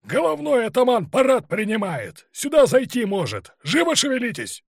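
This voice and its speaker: Male reader playing tyrant Cossack colonel, all yelling, high strained shouts, close dry mic. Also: wildly swooping pitch, moderate pace, creaky, dry recording, full character voice. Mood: urgent bark. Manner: roaring commands, abusive. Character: furious Cossack colonel, bellowing, tyrannical, middle-aged.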